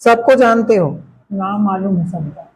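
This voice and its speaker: A man teaching a lesson in a slow, patient way, often checking in with his students. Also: high voice, slight background noise, poor audio. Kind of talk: classroom lesson.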